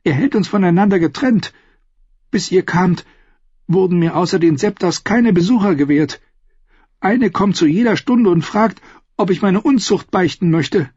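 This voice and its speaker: A husky, fairly high voice of a defiant young queen, as a male audiobook reader puts her on, fearful but quick to flare into shrill anger. The audio is dry and a little dull. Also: darkish tone, no room sound. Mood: indignant. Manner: shrill, rising outbursts. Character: young queen, frightened yet fiercely defiant. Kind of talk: audiobook dialogue.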